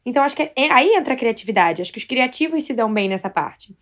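A woman's voice: on the high side, animated, fast talker. A Brazilian woman co-hosting a casual podcast, telling stories in a bold, self-mocking way. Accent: Brazilian Portuguese. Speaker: podcast co-host.

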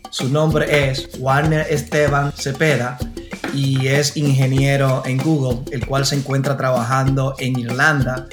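A Dominican man hosting a podcast, introducing his guest and asking open questions in a friendly way. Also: mid-range voice. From Dominican Republic. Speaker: podcast host. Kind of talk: podcast interview. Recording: music bed clearly heard.

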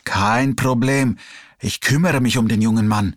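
A man doing a calm, kindly old man. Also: mid-range voice, no room sound, natural voice. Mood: gentle. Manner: slow, gentle, unhurried.

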